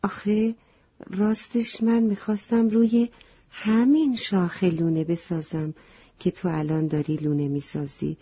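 A woman as little sparrow, storybook bird, gentle, hesitant, warm airy voice, dull lo-fi sound. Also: fairly low pitch, level tone, slightly rough. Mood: worried. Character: little sparrow, young and polite, hopes to build a nest. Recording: slightly muffled lo-fi recording.

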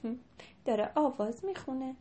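An eager little girl with a high, bright voice that leaps up and down, quick to feel hurt, as a woman storyteller puts her on. She sounds excited and childlike, just as in a storybook read aloud. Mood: musing. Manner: high, excited, cries out loud at times.

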